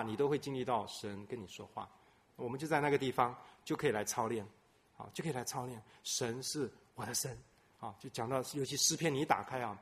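A man preaching a sermon, swinging between loud, emphatic bursts and soft, low asides, and repeating phrases for emphasis.

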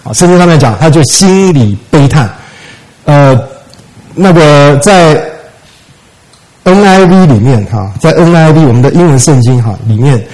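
A man's voice: fairly high pitch, expressive, moderate pace, darkish tone, rough recording. A man preaching a sermon, retelling a story with rhetorical questions and dropping English words into his speech. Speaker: pastor.

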